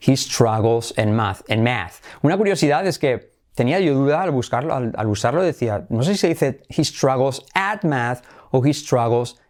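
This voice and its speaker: A man runs an English lesson in a lively, teacherly way. He says the English phrases over and over, slowing them down for practice. His voice sits in an ordinary middle pitch. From Spain. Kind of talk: Spanish-language English lesson.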